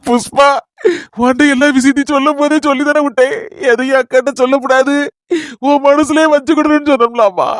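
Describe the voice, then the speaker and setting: Man playing a soft-hearted big brother, high voice, keeps begging sis to get up, dry close mic. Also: fairly even intonation, brisk, no room sound. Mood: soothing. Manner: pleading, soothing, repeating endearments. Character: gentle older brother, soothing and patient. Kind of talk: homemade family drama skit.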